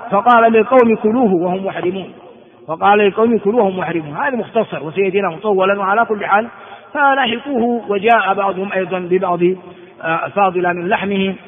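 A man from Ethiopia teaching a religious lesson, reading a text aloud and explaining it phrase by phrase, often repeating himself and filling pauses. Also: sits high. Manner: explanatory, repeats and glosses phrases, frequent filler words. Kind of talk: classroom lecture explaining hadith text. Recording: tinny lo-fi recording with long hall reverb.

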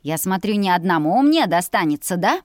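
Woman voicing a slow, low, grumbling young brother, dry and close. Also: big pitch swings, dry recording. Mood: sullen. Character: sulky bookish young man, reluctant brother.

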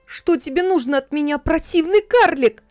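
A woman voicing an angry, frightened middle-aged market mother who scolds loudly. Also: lively intonation, moderate pace, no echo, studio quality, faint music behind. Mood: furious scolding. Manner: shrill, scolding outbursts.

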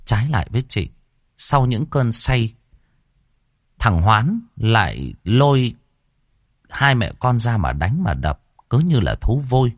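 A man reading a ghost story in a dramatic, expressive way. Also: mid-range voice, slow, pauses often, dry recording, studio quality. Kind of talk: scripted ghost story narration.

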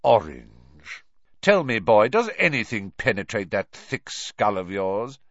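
A man's voice: medium pitch, big pitch swings, a little slow, fairly bright tone, dry recording, dull audio, voice pushed up. A man doing Snape, cold scathing teacher. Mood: cold scorn. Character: cold cutting male potions teacher.

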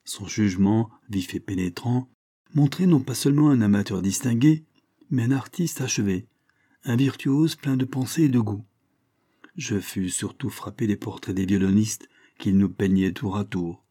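Low, mellow male audiobook narrator. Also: no echo, studio quality. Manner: steady, measured storybook reading. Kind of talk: scripted narration.

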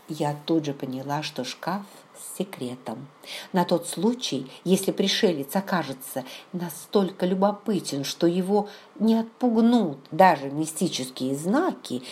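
A woman narrating a novel in the first person, with a measured, expressive reading. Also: lowish voice. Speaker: audiobook narrator. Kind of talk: scripted literary narration.

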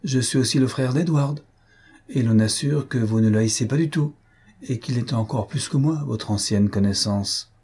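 A man voicing a vain, foppish young gentleman who talks in an affected, mocking, chatty way. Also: medium pitch, moderate pace, husky.

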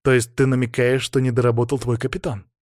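A man's voice: medium pitch, flat delivery, fast talker, a little mellow, dry recording, studio quality, close to an everyday voice. A man voicing a sly adult male show host who probes and mocks the fighters, in an audiobook. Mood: needling.

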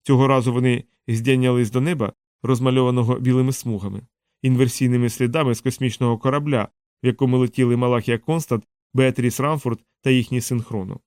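A man narrating an audiobook in a steady, even storytelling manner. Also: medium pitch, quick pace, smooth, dry recording, clean studio sound. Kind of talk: scripted narration.

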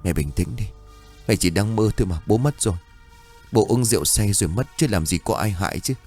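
Give me a man playing a calm, reassuring son with a deep voice. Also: fast talker, faint music behind.

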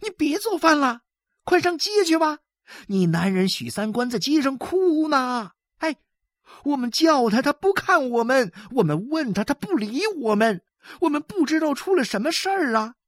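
A woman voicing an excited neighbor who calls out urgently with news. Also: high voice, moderate pace, no room sound, studio quality, pitched above the performer's own voice. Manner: urgent, breathless calling. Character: nosy townswoman, urgent and excited.

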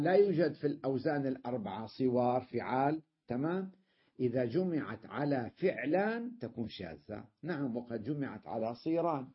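A man's voice: mid-range voice, husky, highs cut off. A man teaching a grammar class, explaining step by step and often checking that his students follow. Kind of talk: classroom lesson.

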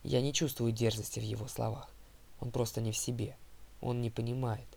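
A man voicing a calm, haughty girl who leads the huntresses and speaks with measured, imperious authority in a storybook reading. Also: mid-range voice, gravelly.

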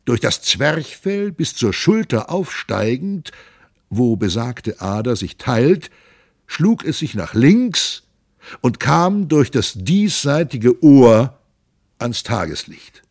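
A man reading a classic comic novel aloud in a measured, theatrical manner, close to a studio mic. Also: medium pitch, very animated, a little mellow, dry recording. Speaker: audiobook reader.

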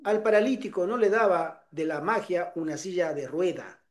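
A man with a high voice delivers a sermon in an animated storytelling manner, acting out the voices of the people in his story. His pitch stays notably high as he preaches. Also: normal speed. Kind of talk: sermon with personal anecdote.

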